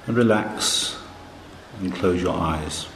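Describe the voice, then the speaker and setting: A man narrating a guided meditation in a calm, hushed, soothing manner, with long pauses between short phrases. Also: sits low, gravelly, echoey room, a little hiss or hum.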